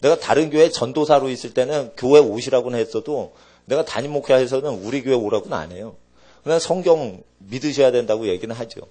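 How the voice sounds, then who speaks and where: A male pastor preaching a sermon in an animated way, swinging between loud exclamations and quiet asides. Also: medium pitch, fairly quick. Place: church sanctuary.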